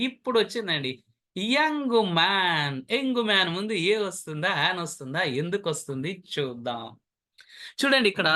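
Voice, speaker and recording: A man's voice: sits high, bright, forceful tone. A man, teaching an English grammar lesson, explaining step by step and repeating sounds.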